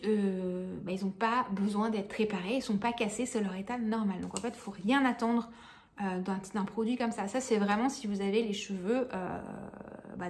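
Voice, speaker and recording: A woman's voice: mid-range voice, a little mellow. A woman chatting casually about beauty products she has used up, full of fillers, restarts and frank remarks. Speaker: beauty vlogger.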